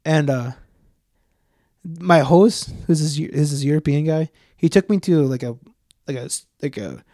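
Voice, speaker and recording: A young man co-hosting a podcast, telling stories in a loose, profane, animated way with plenty of fillers. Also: fairly high pitch, moderate pace, no room sound, studio quality. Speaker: podcast co-host. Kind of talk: casual storytelling chat.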